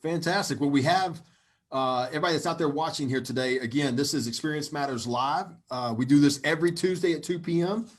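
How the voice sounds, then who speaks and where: A talkative man with a Southern US accent hosts a live online interview. His voice sits a bit high and sounds husky. He keeps things upbeat. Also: fairly quick. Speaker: show host.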